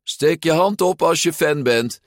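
A man's voice: mid-range voice, big pitch swings, measured pace, a bit bright, no echo, clean studio sound, voice pushed up. A man voicing a boastful, mocking teenage boy bully in a storybook reading. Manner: mocking, showy.

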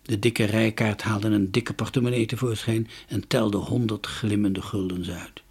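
A man reading a children's storybook aloud, expressive and with shifting loudness. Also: on the low side, unhurried, gravelly, breathy edge. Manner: expressive, varying loudness and pace.

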